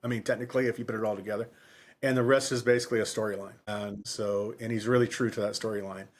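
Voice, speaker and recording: Fairly low in pitch, with little pitch movement, this fast-talking man co-hosts a casual podcast about books, rambling along and often restarting or repeating his phrases.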